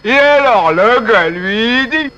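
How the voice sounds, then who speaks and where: A man's voice: extremely high pitch, expressive, slow, muffled recording, heavily acted. A man voicing a tactless fellow who mocks and fusses over a weeping friend in a comic sketch. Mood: jokey. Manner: bossy, mocking, fussing.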